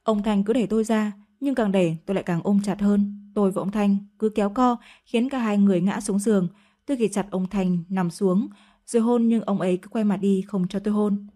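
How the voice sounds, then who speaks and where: Woman, audio story narrator, steady delivery, warm mellow voice. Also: mid-range voice, brisk.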